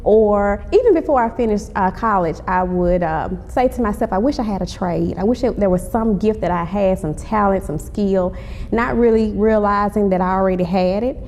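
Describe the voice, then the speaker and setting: At normal speed and with a slightly mellow voice, a woman answers an interviewer courteously and conversationally, calling her ma'am. She's a playwright and actress plugging her stage play, recorded in an echoey hall with clearly audible rumbling behind her.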